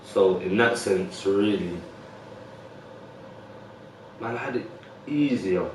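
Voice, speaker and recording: A man's voice: on the low side, takes it slowly, a little mellow, reverberant, distant mic, slight background noise, low-quality recording. A man with a London accent, talking as a guest in a casual interview, in laid-back street slang with plenty of fillers. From West London.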